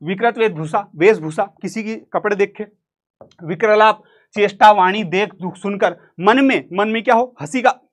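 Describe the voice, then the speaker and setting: A man's voice: high voice, moderate pace. A man teaching an exam-prep literature lesson in a playful, joking way with a central Indian Hindi accent, acting out quotes and singing snippets. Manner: playful, jokey, acts out quotes and sings snippets.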